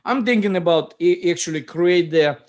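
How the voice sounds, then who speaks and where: A middle-aged man with a Russian accent and a high-pitched, darkish voice hosts a casual video call about his app at a moderate pace. He founded the app and often searches for words as he talks.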